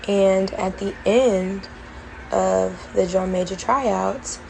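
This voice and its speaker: Young woman with vocal fry recounting events. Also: medium pitch, steady tone, slow, dark tone, slight background noise, poor audio. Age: young adult. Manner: earnest, detailed recounting with frequent fillers. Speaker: former college band member telling her story. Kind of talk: personal storytime vlog.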